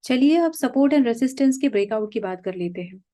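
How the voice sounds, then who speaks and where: Mellow woman teaching chart trading. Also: fairly high pitch, expressive, brisk. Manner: patient, repeats "okay" and asks herself questions. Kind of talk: explaining trading concepts over charts.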